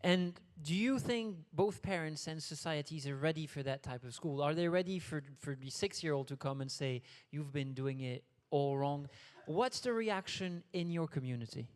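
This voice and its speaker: A man moderating a conference panel and asking brisk questions. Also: on the high side, expressive. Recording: long hall reverb.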